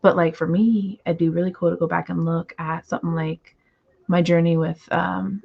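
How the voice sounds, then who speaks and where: A slightly hoarse woman hosting a comic book reading stream, chatting casually with lots of fillers and trying to slow her naturally fast speech. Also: on the low side, flat delivery, muffled recording. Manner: rambling, filler-heavy, self-deprecating. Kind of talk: casual livestream chat.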